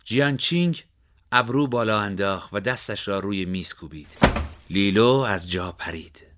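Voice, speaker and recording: A man narrating a story in a steady, measured way. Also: lowish voice, very noisy.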